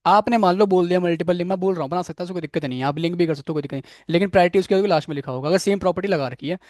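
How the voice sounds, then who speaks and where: Rapid-fire and high-voiced, slightly mellow in tone, this programming instructor leads a live coding lecture on web development. There's no echo and the studio sound is clean. He frequently questions his students, says "ठीक है" again and again, and admits a technical word gives him trouble.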